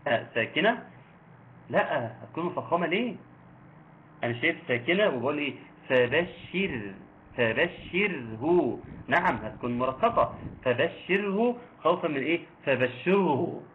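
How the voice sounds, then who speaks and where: A man with an Egyptian accent teaching Quran recitation, quizzing listeners and slowly chanting verses. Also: fairly high pitch, expressive. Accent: Egyptian Arabic. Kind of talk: online tajweed lesson. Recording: tinny phone-like line with faint noise.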